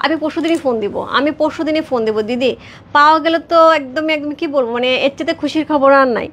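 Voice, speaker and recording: In a high-pitched, fairly bright voice, a woman from Bangladesh in her thirties runs a live-stream saree sale. She keeps up fast, repetitive sales talk and chats with her viewers.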